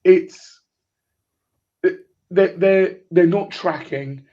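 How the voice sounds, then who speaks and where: A man's voice: high-pitched, extremely slow. Man on a clipped lo-fi phone line. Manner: rambling, restarts his points over and over. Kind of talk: casual football chat.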